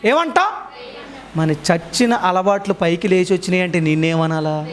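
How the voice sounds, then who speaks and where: A man preaching to his congregation in a very high-pitched voice. He peppers them with rhetorical questions and repeats each one. Now and then he punches out a line with sudden force. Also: normal speed. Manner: emphatic preaching with sudden loud bursts. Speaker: pastor. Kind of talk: sermon.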